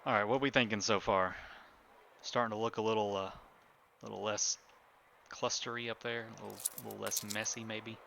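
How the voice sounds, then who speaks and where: A man's voice: lowish voice, moderate pace, creaky, slight background noise. A man streaming a building game live, chatting casually to himself and his viewers as he builds. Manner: relaxed, talks to himself while building, chats with viewers.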